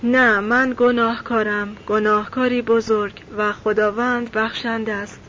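Devout village man voiced by a woman reader, calm, insistent, slightly high tone, dull recording, faint hiss. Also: natural voice. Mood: calm insistence.

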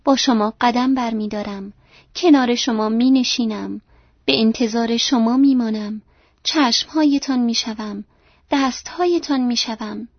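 A woman's voice: on the high side, dry recording. A woman voicing a devoted, tender young woman, earnest and reassuring, in a dry, dull lo-fi recording.

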